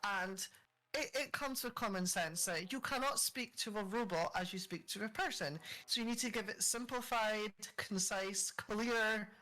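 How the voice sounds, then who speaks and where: Blunt bright-voiced woman telling stories. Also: mid-range voice, normal speed, soft background music, rough recording. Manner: blunt, emphatic storytelling. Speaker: podcast co-host, store worker. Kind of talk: casual chat.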